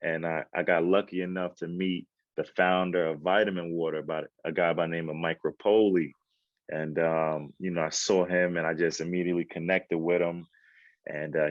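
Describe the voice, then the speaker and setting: A man's voice: low voice, no echo, dull audio. A man from Queens, a podcast guest telling his story in a laid-back, streetwise way. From Queens, New York. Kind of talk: casual conversational interview.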